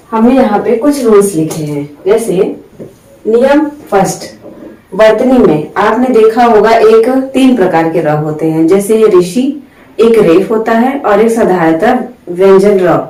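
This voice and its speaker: A woman teaching Hindi spelling rules, slowly drawing out each example word and mixing English words into her Hindi. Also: medium pitch, dark tone, reverberant, far from the mic, a little hiss or hum, low-quality recording. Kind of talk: spelling lesson.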